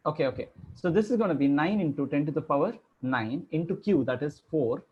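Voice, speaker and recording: Joking teacher on a muffled video call. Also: male voice, on the high side, animated, a little fast, breathy edge. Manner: joking, chatty, asks students questions. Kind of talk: online class teaching. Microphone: computer microphone on a video call.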